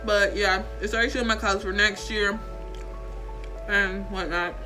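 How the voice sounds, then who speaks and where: A woman's voice: medium pitch, steady tone, unhurried. A teenage girl vlogging about her school credits and grades in a rambling, chatty, self-mocking way. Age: teens. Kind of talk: casual chat. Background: faint background music.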